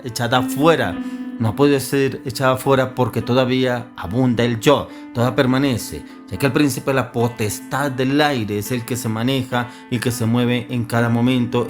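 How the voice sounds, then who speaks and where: A man preaching a sermon, earnest and firing off rhetorical questions. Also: medium pitch.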